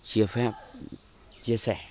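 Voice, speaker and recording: Taking it slowly, this man speaks in a fairly low, darkish voice with fairly even intonation as he shows off his outdoor bird aviary. He has a Northern Vietnamese accent and a chatty, filler-laden, repetitive manner, and the handheld camera recording carries a little hiss or hum.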